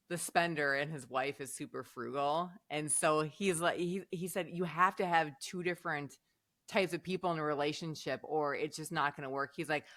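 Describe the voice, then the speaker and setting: A woman's voice: low-pitched, no echo, clean studio sound. A middle-aged woman co-hosting a podcast, telling stories in casual chat and laughing often. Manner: animated storyteller, laughs often. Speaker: podcast co-host.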